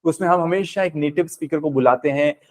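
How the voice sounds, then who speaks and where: A man's voice: a little high, a little fast. An Indian man with Hindi as his first language, teaching a spoken English class and explaining patiently, switching between Hindi and English.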